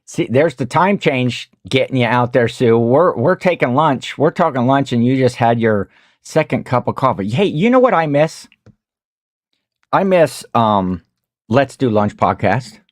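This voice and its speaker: A man's voice: medium pitch, animated, measured pace, no room sound, clean studio sound. A man with a Midwestern American accent hosting a casual livestream, rambling while he eats and greets viewers in the chat. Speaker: host of a reseller livestream.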